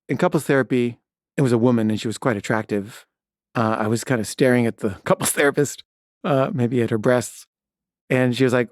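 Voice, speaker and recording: A man's voice: medium pitch, dry recording, clean studio sound. A man telling a candid personal story in a casual, rambling way, full of "like" and "you know".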